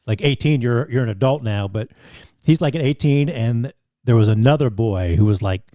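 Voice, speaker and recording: Mellow-voiced man rambling on a podcast. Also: medium pitch, moderate pace, no room sound, clean studio sound. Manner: rambling, many restarts and fillers. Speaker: podcast co-host. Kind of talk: casual chat.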